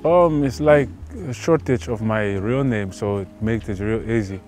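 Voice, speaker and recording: A young man in his twenties from the Netherlands with a Dutch accent, a footballer giving casual interview answers in a relaxed, hesitant way with many fillers. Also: lowish voice, moderate pace, faint music behind. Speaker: football player. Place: indoor hotel room.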